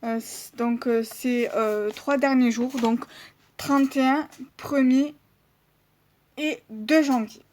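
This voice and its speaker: A woman's voice: fairly high pitch, fairly even intonation, slow pace, darkish tone, slight background noise. A woman vlogger showing her handmade cards in a casual, hesitant way, with many fillers. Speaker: crafting vlogger.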